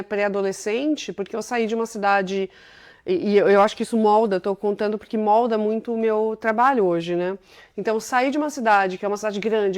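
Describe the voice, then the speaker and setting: A woman in her forties from Brazil, a company CEO telling her life story as an interview guest, chatty and enthusiastic, peppering her talk with little tag questions. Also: fairly high pitch. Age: 40s. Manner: chatty, full of filler tags, enthusiastic storytelling.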